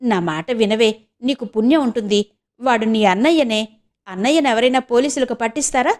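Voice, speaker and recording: A woman's voice: a little high, a little fast, darkish tone, lightly acted. Brief: anxious mother figure, pleading and flustered, read by a woman.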